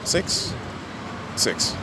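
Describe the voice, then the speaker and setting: A young man raised in the Netherlands answering street-interview questions in a relaxed, hesitant way. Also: very slow. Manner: relaxed, hesitant with many ums and restarts. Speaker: interviewee, law graduate. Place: outdoors on a city street. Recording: outdoor street noise with traffic.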